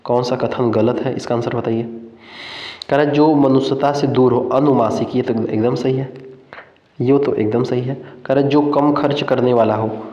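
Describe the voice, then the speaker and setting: A man leads an exam-prep lesson, repeating each term over and over and putting questions to his listeners. His delivery stays flat and even. The sound is dull and lo-fi, with a long, roomy echo. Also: medium pitch, moderate pace. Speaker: Hindi exam-prep teacher. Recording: echoey, dull lo-fi room sound.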